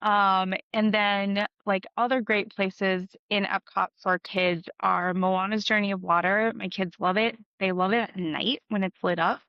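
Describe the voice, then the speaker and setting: A woman's voice: medium pitch, fairly even intonation, a little slow, few pauses, no room sound. A woman in her thirties, a podcast co-host, chatting casually and giving practical tips with frequent ums. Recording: dull dry podcast audio.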